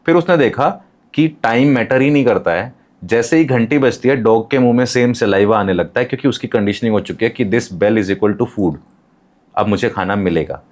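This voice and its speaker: A man's voice: medium pitch, normal speed, darkish tone. A man as a podcast guest, explaining ideas with examples and English terms.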